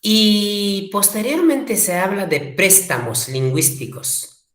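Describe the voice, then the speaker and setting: A man teaching a language class, slowly repeating key words for emphasis. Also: high-pitched, very animated, a bit bright. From Peru. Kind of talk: classroom lecture. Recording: echoey room.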